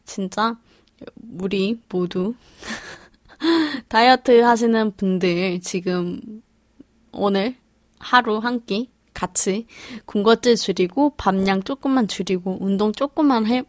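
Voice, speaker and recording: A woman's voice: mid-range voice, slow, dry recording, clean studio sound. A woman hosting a podcast, reading listener stories aloud and chatting casually with frequent laughs and fillers.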